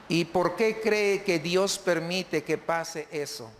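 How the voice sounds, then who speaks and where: A man's voice: sits high, in a large hall. A man preaching a sermon as pastor, often asking the congregation questions.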